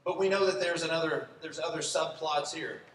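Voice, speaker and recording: A man's voice: a little high, brisk, fairly bright tone, slight background noise. A man preaching a sermon in a church, speaking conversationally and asking the congregation questions. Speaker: pastor. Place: church sanctuary. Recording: echoey church room, from a distance.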